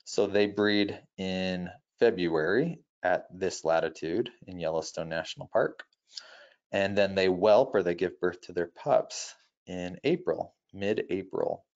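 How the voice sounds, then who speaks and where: A man presenting wildlife in an unscripted nature documentary style, measured and informative, with halting self-corrections. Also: deep voice, a little mellow, lo-fi sound.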